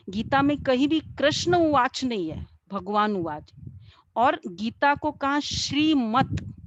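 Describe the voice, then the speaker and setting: A woman's voice: fairly high pitch, no room sound. A woman giving a spiritual class lecture, explaining patiently and asking her listeners questions. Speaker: spiritual teacher. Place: meditation centre classroom. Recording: dull, muffled, dry sound.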